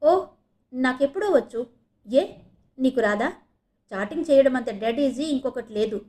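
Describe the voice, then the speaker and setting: A woman's voice: sits high, normal speed, mellow, lightly acted. A woman narrator voicing a hurt, defiant young female student. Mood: indignant. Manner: indignant, complaining.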